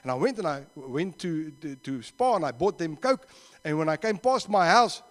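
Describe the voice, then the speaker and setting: A man with a South African accent preaching a sermon, telling stories in an animated way and slipping Afrikaans phrases in. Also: fairly high pitch, moderate pace, in a large hall. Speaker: pastor. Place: church hall.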